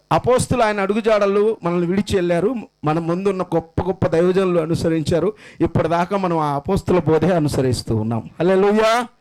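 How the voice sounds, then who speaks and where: A high-pitched man delivers a memorial sermon. He rises into loud exclamations, then drops to low, quiet murmurs, and keeps calling out hallelujahs. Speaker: pastor.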